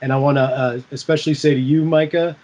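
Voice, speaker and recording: A man's voice: a little high, fairly even intonation, darkish tone. A man hosting a fight podcast, asking casual questions with many fillers and restarts. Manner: halting, filler-heavy questions. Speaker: podcast host.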